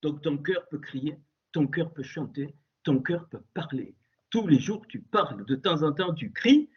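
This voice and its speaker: A man with a strong, loud voice giving an impassioned Torah teaching, animated and exclamatory, moving between soft asides and sudden raised outbursts over a Skype call. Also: fairly high pitch, measured pace, husky. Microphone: computer mic on a Skype call. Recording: dull lo-fi Skype audio.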